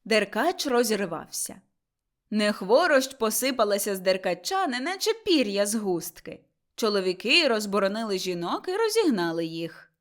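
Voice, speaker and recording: A woman reading an audiobook with expressive storytelling narration. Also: mid-range voice, moderate pace. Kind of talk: scripted narration.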